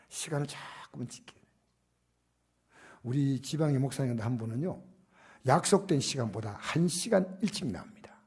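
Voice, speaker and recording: An older man preaches to his congregation in a church sanctuary. His voice is dark and mellow, with a husky, breathy edge. He presses his points loudly, then falls to hushed, almost whispered asides. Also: medium pitch. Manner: shifts from loud emphatic exhortation to soft, near-whispered asides. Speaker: pastor. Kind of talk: sermon.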